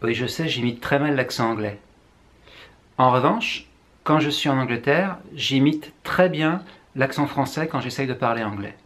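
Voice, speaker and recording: A man's voice: medium pitch, moderate pace, fairly bright tone. A French man, a writer, musing through a book review with wry asides. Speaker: writer presenting books.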